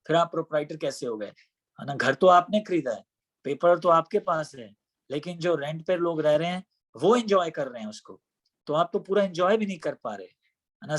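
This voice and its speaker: A man giving a devotional scripture class in a conversational way, often asking rhetorical questions. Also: fairly high pitch. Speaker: scripture teacher.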